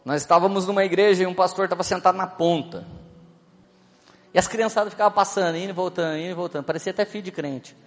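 Speaking with a Brazilian Portuguese accent, this male pastor preaches a funny, conversational sermon, joking freely and often acting out little scenes in his stories. He talks fast in a high-pitched voice, heard with hall reverb and faint music in the background.

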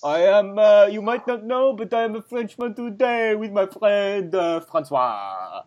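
A halting mock-French game show host, played by a man, stumbling through a comic introduction. His voice is fairly high and lively, and it moves up and down a lot. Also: dull audio. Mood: mock-formal. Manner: halting, full of uh's.

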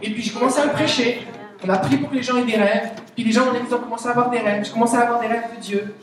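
A Québécois woman preacher with a slightly high voice delivers a conversational sermon at a racing pace, chatty and animated, asking the audience questions in Québécois French. She sounds distant in a very echoey church meeting hall, with soft guitar music in the background.

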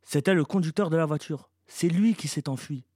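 Guy doing a hot-headed young woman in a story, sharp and indignant, dry. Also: mid-range voice, a little slow, husky, no room sound. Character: fiery young woman, quick to anger.

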